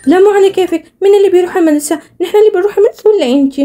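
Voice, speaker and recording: A woman voicing an excited, pushy little girl in a game role-play. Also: very fast, music in the background. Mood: defiant. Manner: high, eager, insistent.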